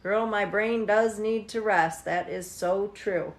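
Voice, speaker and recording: Speaking slowly in a mid-range voice, a weary tarot reader in her 40s does live readings, casually chatting with her audience, ribbing them and frequently laughing. The room is reverberant.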